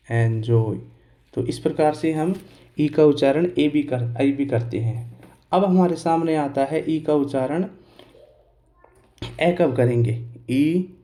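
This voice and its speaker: A male teacher explaining pronunciation step by step, asking questions and answering them himself, repeating key words slowly and spelling out letters. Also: fairly high pitch, warm tone. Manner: clears his throat now and then. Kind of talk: Hindi lesson on English pronunciation.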